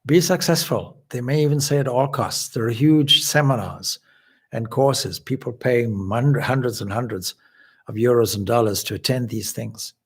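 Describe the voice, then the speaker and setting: A man from Zimbabwe, a swami, giving a measured, explanatory spiritual lecture. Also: medium pitch, breathy edge. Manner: measured, explanatory, with occasional restarts.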